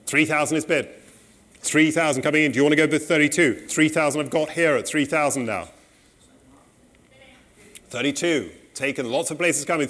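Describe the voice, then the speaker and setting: A middle-aged man working as an auctioneer, calling bids in a saleroom in a brisk, polite, repetitive way. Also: fairly high pitch, a bit bright.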